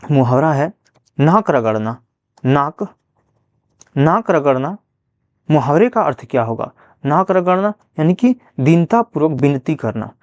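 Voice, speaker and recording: A man's voice: on the high side, darkish tone, no room sound. A man teaching a Hindi grammar revision lesson, asking questions and then answering them himself, repeating each answer. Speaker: exam prep teacher.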